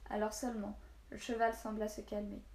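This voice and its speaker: A woman reads a story aloud with steady, expressive narration, briefly voicing the characters in dialogue. Her voice sits at a middle pitch. The sound carries a roomy echo. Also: brisk. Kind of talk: reading a children's novel aloud.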